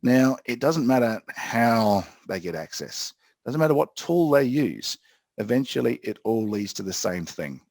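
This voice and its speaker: A man's voice: medium pitch, very animated, measured pace, vocal fry, a little mellow, no room sound. A man with an Australian accent giving an informal tech explainer as co-host, plain-spoken and emphatic in colloquial language. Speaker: co-host and IT specialist.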